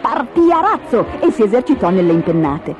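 A woman reading a children's storybook aloud in an expressive, animated way. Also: mid-range voice, brisk, dull audio. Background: music.

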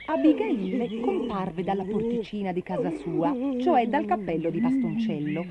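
A woman narrating a children's storybook in an expressive, lilting way. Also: medium pitch, a little slow, over a noisy crowd. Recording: dull lo-fi recording.

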